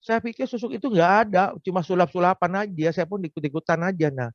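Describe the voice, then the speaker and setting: Man, fairly high voice, frank confessional testimony; dull, dry recording. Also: fast talker, no echo. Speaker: testimony speaker. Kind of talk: personal testimony.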